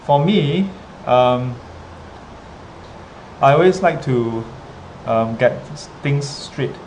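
Speaking to viewers as a livestream host and teacher addressing students, a Singaporean-accented man tells a story in a casual, expressive way with a slightly mellow mid-range voice. He is hesitant and halting, often pausing and repeating himself, over clearly noisy ambient sound and rain.

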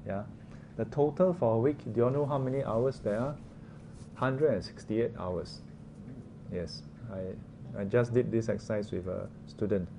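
A man's voice: lowish voice, a little slow, dark tone. A man with a Singaporean or Malaysian accent teaching a class informally, conversational and often tossing out short questions with local particles. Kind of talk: informal interactive lesson. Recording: clearly noisy room ambience.

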